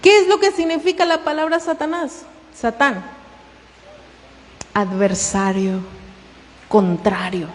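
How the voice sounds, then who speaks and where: A woman's voice: high-pitched, in a large hall. A woman pastor preaching a sermon, asking the congregation questions and calling them "hermano".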